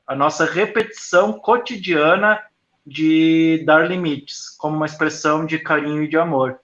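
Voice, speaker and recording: Man, slightly high voice, reflective, explanatory, pausing often, echoey room, dull lo-fi call audio. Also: fairly bright tone. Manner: reflective, explanatory, with frequent pauses. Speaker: school founder, interview guest. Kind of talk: conversational interview answers.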